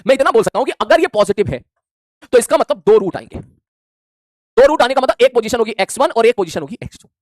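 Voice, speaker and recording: A male physics teacher speaking fast. His voice swings up and down a lot. It sounds dry and close, no room echo, and he acts out student replies as he explains. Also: very high voice. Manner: animated, plays out imagined student replies. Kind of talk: classroom lecture.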